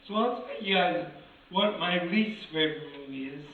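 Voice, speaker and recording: A man's voice: high-pitched, moderate pace. A young adult stand-up comedian from Long Island, doing a mock-tough routine and chuckling through his punchlines. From Long Island, New York. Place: comedy club stage. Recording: tinny, echoey, distant and noisy.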